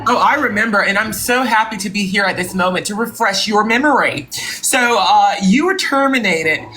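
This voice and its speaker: A live-stream host playing a company boss in improvised comedy, talking in a mock-formal, drawn-out way. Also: mid-range voice, lively intonation, sharp tone, a little hiss or hum. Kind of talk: improvised comedy role-play with callers.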